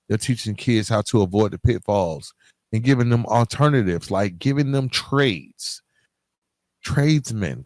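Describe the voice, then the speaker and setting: A solo podcast host speaks earnestly and emphatically to his listeners in a motivational style, repeating key phrases. His voice sits on the low side and sounds slightly mellow, with no room sound.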